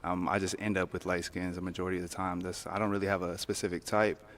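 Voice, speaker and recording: A man's voice: deep voice, little pitch movement, fast, fairly bright tone. A man on a dating show explaining himself hesitantly, with many ums and restarts. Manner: hesitant, filler-heavy. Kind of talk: conversation.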